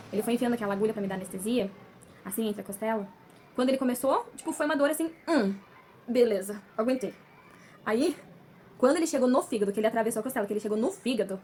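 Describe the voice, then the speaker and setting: Fast-talking emotional woman. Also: fairly high pitch, a little mellow, slight background noise. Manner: emotional, repeats words for emphasis. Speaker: vlogger. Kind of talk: casual personal storytelling.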